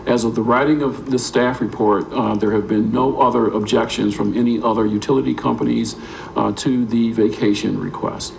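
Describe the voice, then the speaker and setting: At a public meeting, an American city planning staff member reads a formal staff report aloud. His mid-range voice is creaky and steady, at a moderate pace. The room echoes and there is faint noise.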